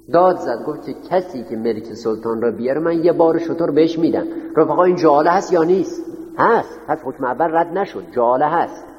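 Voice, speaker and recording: Male teacher lecturing in an echoing hall. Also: on the high side. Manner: questions the students and answers himself. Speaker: teacher of a class. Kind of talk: classroom lecture, dictating notes. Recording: roomy, echoing hall on dull lo-fi audio.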